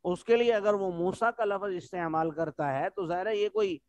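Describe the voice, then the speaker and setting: Male teacher, online lesson, patient explainer, a bit high-pitched, dry close sound. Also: clear, resonant tone, no echo. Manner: explains words patiently, asks students if they follow. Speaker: teacher of Arabic texts.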